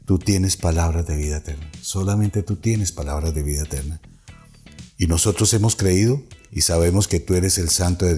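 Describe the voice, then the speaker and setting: A man's voice: low-pitched, mellow. A man with a Colombian Spanish accent, a pastor preaching a sermon, reading Bible passages aloud and lifting his voice on the quoted calls. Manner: reads Bible passages aloud with rising emphasis on quoted calls, restarts words. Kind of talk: sermon reading and explaining scripture.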